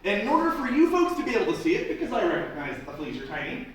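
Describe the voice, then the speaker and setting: A man's voice: very high-pitched, wildly swooping pitch, very fast. A man working as a flea circus showman, giving theatrical, mock-grand patter with playful asides to a live audience. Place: live show space, heard from a distance. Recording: very echoey room, distant mic, faint noise.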